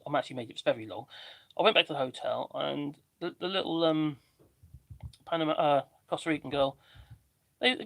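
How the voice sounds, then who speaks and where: A man with a slightly mixed Norfolk English accent and a squeaky voice, chatting casually and ramblingly as he hosts a livestream. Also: fairly bright tone, no room sound. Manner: rambling, chatty, self-interrupting. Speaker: livestream host doing DIY work.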